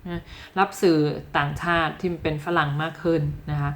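A low-pitched woman from Thailand, an English teacher, gives a casual video lesson. She speaks lively and directly to the viewer, repeating example phrases slowly and clearly.

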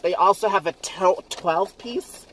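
A man's voice: sits high, a little slow, a bit bright, slight background noise. A man from Canada hosting a casual eating vlog, chatty and giggly with cheeky jokes. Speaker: vlog host. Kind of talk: casual mukbang chat.

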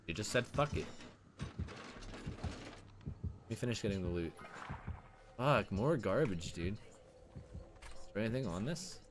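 A young man giving live-stream gameplay commentary, excitable and profane, swinging from loud outbursts to low mutters. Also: measured pace, pauses often, noisy background. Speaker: streamer playing a survival horror game.

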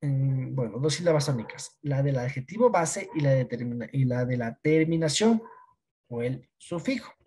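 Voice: mid-range voice, lively intonation, moderate pace, dark tone, slightly rough. A teacher giving an online class lesson, explaining patiently and often asking the students if they follow. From Ecuador. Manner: explains patiently, asks checking questions.

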